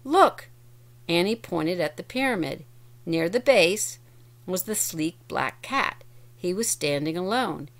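Woman storybook reader, low-ish voice, clear and explanatory for kids. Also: animated, unhurried. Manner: clear, explains words as she reads. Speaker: reader of a children's book. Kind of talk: reading aloud to children.

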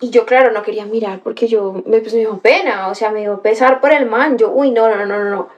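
A young woman, her voice pitched high. She tells a story in a casual livestream chat, full of exclamations and little gasps, and breaks off to greet viewers by name. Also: a little fast, highs cut off. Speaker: livestream host reading chat.

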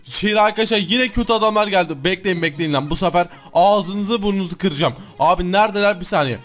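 An excitable man commentating his gameplay at a rapid clip with a high voice. He talks straight to the viewers, slangy and hyped. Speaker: gaming channel host.

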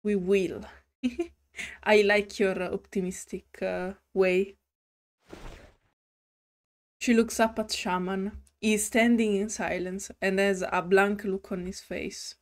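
Woman streamer, slow and giggly, mid-pitched game reading. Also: fairly even intonation. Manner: slow, giggly and hesitant, with restarts. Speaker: gaming streamer. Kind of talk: reading a story game aloud with commentary.

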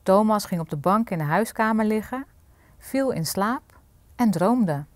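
A woman reading a fairy tale aloud for children, in an expressive storybook manner. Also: mid-range voice, unhurried, no echo.

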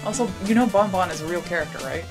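Sarcastic woman chatting over a game, lowish voice, game music behind. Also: lively intonation, quick pace. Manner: teasing, sarcastic banter. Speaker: gamer co-host. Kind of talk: casual let's-play chat.

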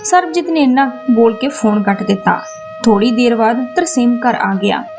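Female storyteller, highish voice, storybook reading, faint music underneath. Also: normal speed. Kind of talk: storybook narration.

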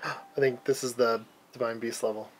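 A man's voice: mid-range voice, steady tone, normal speed, slight background noise. A man hosting a gaming video, giving casual commentary during co-op play. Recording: game music behind the voice. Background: video game music.

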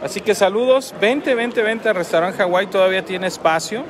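A man's voice: high voice, a little fast, crowd noise. A man with a Mexican accent casually reviewing a restaurant meal, repeating phrases and laughing often, filmed on a phone at a table near a road. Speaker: food vlogger.

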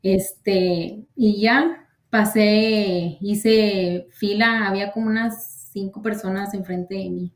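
A woman's voice: medium pitch, steady tone, slow pace, hardly any pauses. A woman casually retelling events, with lots of quoted dialogue. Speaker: interviewee sharing her citizenship interview. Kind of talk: casual storytelling in an interview. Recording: echoey room.

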